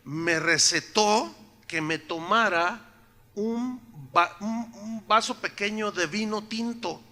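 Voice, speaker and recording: A man's voice: high-pitched, slow, bright, forceful tone, exaggerated voice. A man voicing a worried church brother, recovering from heart surgery, who hesitates as he asks for advice. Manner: anxious, hesitant.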